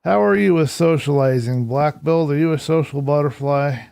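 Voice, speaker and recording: Here a man with a rough, hoarse voice responds aloud to his stream chat as he plays, sounding calm and contemplative. He speaks a little high and at a moderate pace.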